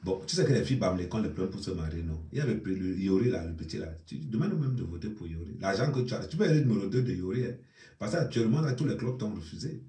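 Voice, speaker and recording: A man's voice: animated, fast, dark tone. Teasing man with a Cameroonian accent. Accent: Cameroonian French. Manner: teasing, mock-consoling, low-key. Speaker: comedic commentator. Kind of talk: mocking live commentary. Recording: roomy echo, distant mic.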